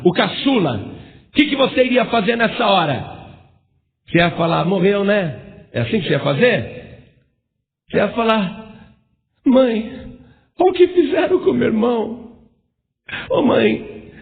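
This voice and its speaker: A man preaching a dramatic sermon, swinging from low, hushed narration to loud, tearful pleading. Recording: tinny phone-like sound.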